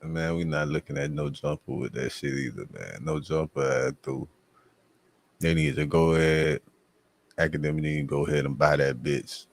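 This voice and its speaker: A man's voice: extremely low pitch, moderate pace, vocal fry, dry recording. A man hosting a casual streamed chat, joking in loose, profane banter. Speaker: host.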